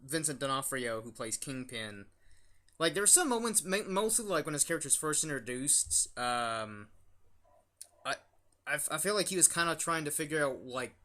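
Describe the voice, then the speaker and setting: A man's voice: a little high, animated, moderate pace, pushed and bright. A young man hosting a casual review chat, rambling with lots of fillers and restarts. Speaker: YouTube channel host.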